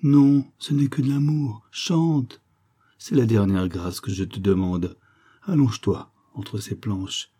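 A man's voice: on the low side, slow, dark tone. A man voicing a feverish dying poet who passionately implores his lover in an audiobook story. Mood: imploring. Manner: impassioned, imploring.

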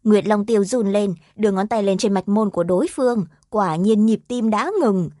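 A woman's voice: medium pitch, moderate pace, warm tone, no echo, clean studio sound. Woman narrating a fantasy audiobook.

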